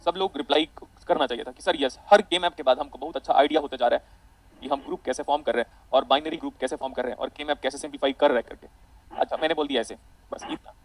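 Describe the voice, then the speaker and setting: A man teaching an online physics lecture, rapid and animated, calling his students beta. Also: on the high side, poor audio.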